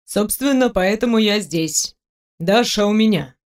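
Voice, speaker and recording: A woman's voice: medium pitch, animated, measured pace, natural voice. A woman reading an audiobook, voicing a stubborn young man who answers with sarcasm and defiance. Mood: defiant.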